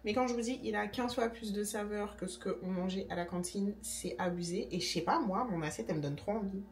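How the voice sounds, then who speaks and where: A young woman chatting casually to camera in her vlog, slangy and relaxed, sometimes talking with her mouth full. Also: medium pitch, fairly quick, slight background noise. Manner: chatty, slangy, talks while eating. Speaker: vlogger. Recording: echoey room, voice a bit distant.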